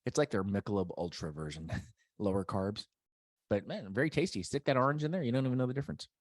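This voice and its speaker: A man's voice: fairly low pitch, quick pace, no room sound. A man hosting a podcast in casual chat, laid-back and teasing in his banter. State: married. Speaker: podcast host.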